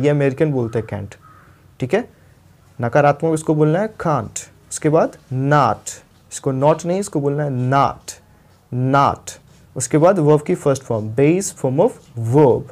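Young man, English teacher, slightly high voice, repeats each word slowly, steady explaining tone. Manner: repeats words slowly to model pronunciation; explanatory, checks in with "thik hai" often. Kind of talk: spoken English lesson.

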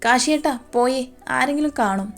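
A woman's voice: high voice, moderate pace, faint music behind. A woman voicing a shy, timid young woman who asks nervous, hesitant questions.

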